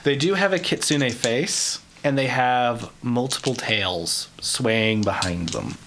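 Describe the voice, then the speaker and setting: A man's voice: medium pitch, takes it slowly, fairly bright tone, slight background noise. A man running a tabletop role-playing game, casually describing a creature and the scene. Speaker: game master.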